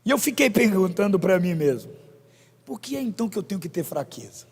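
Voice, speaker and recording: Gravelly high-voiced man preaching. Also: brisk. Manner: animated, joking with the congregation. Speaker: pastor. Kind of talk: sermon. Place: church. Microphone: body-worn microphone. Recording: long church reverb.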